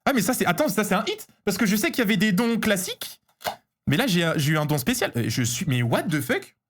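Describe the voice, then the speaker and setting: A man streaming live as he opens trading cards, chatting casually, getting excited and answering his chat. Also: high voice, fast talker, slight background noise.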